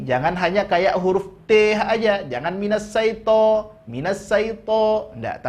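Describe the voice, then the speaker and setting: A man teaching correct Quran recitation, explaining slowly and drawing out each demonstrated word. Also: on the high side. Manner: slow, deliberate explanation, drawing out demonstrated words. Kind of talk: tajwid lesson with modeled recitation.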